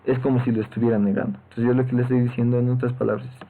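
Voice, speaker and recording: Man, programming teacher, step-by-step lecture, frequent tag questions, mid-pitched voice, tinny phone-like audio. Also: level tone, very fast. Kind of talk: screen-recorded lecture.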